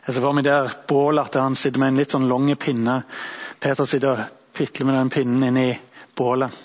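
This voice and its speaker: Husky, reflective male preacher. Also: mid-range voice, little pitch movement, dull audio. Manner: reflective, storytelling, pausing. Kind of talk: sermon.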